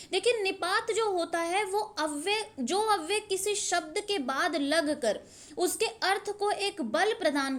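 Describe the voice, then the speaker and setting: A woman teaching a grammar lesson for exam preparation, explaining slowly with repeated examples and asking the viewer rhetorical questions. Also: extremely high pitch. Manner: frequently checks understanding with rhetorical questions.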